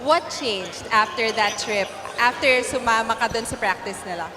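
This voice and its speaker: Woman, Filipino accent, fairly high voice, courtside reporter, echoey noisy gym. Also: moderate pace. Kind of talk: courtside interview.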